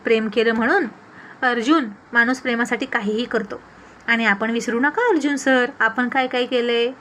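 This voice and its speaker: A woman voicing a spirited, outspoken young woman in a storybook tale, with a lively, scolding manner. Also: a little high, normal speed, a little hiss or hum, natural voice.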